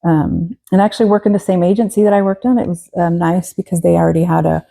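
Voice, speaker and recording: Texas woman in her 40s, gravelly warm voice, lots of ums and restarts. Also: lowish voice, steady tone, fast talker, rough recording. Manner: hesitant, many fillers and restarts. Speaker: guest. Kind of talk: casual interview.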